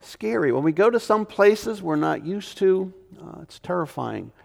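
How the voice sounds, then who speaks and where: Gravelly preacher in a reverberant hall. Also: male voice, high-pitched, lively intonation, measured pace. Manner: emphatic preaching with sudden loud and hushed turns. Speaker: pastor. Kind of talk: sermon.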